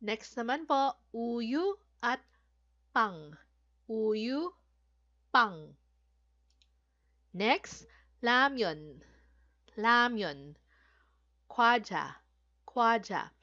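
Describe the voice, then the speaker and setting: Female language teacher from the Philippines, unhurried and patient, slightly muffled lo-fi recording. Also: on the high side, animated, sharp tone. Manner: patient, repeats words slowly, polite "po". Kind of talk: Korean vocabulary lesson in Filipino.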